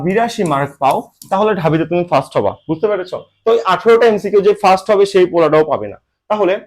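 A young man with a colloquial Bangladeshi Bengali accent, giving an online admission-coaching lecture in a brisk, teasing manner with rhetorical questions. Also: high-pitched, a little mellow.

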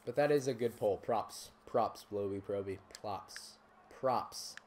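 A man streaming a football video game, calling plays and chatting with viewers, bursting into shouted calls on big moments. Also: on the low side, slow, slight background noise. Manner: chats with viewers between plays. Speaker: gaming streamer. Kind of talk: play-by-play game commentary.

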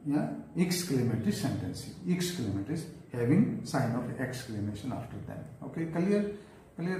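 A man teaching English grammar in Hindi at a board. He explains slowly, repeats each word and keeps asking "right?" and "clear?". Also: medium pitch, dark tone. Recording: echoey room, faint background hiss.

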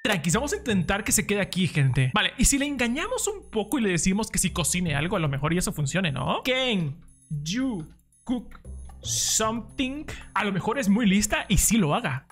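Mexican dude playing a yandere game, swears a lot, yelps high when scared, quiet music in the back. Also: male voice, fast talker, hardly any pauses. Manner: joking, excitable, swearing, jumps into high yelps. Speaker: gaming youtuber. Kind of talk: let's-play commentary. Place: room in his parents' house.

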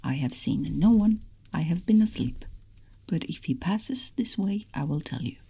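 A woman's voice: lowish voice, lively intonation, moderate pace, vocal fry, mellow, slightly rough, full character voice. Woman voicing a clever little fish. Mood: innocent. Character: tiny clever male fish in hiding. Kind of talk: whispered role-play.

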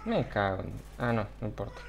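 A man, talking to himself while streaming a video game live from home, with loud outbursts and lots of swearing. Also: on the low side, wildly swooping pitch, a little fast, vocal fry, slight background noise. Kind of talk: live gameplay commentary. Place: home, alone.

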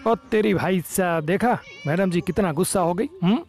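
A young man hosting a gaming channel, giving excited, teasing gameplay commentary full of playful taunts. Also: sits high, normal speed, soft background music.

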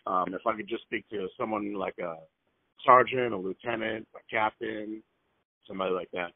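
A man making a phone call and leaving a voicemail, heard over a landline phone line. He speaks carefully and hesitantly, with frequent fillers, and repeats details and numbers slowly. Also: lowish voice, fairly even intonation, vocal fry, dry recording. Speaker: caller. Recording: tinny, dry phone line.

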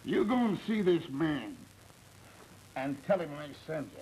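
A man's voice: on the high side, sing-song, a little slow, a little mellow, a little hiss or hum, poor audio. An actor playing a hesitant, fatherly male merchant in an early sound film. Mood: reluctant.

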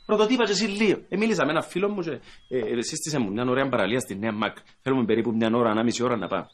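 A man's voice: medium pitch, expressive, lightly acted. An actor playing a weary, sarcastic Cypriot husband in a sitcom, speaking Cypriot Greek and grumbling at his wife. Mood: exasperated. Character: exasperated practical Cypriot husband. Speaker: Fotis, comic husband in a sitcom.

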